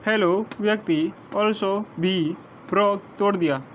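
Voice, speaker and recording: A male teacher slowly dictating vocabulary meanings to his class, spelling some words out letter by letter. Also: high-pitched, fairly bright tone. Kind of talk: vocabulary lesson, reading word meanings. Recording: dull lo-fi sound with faint noise.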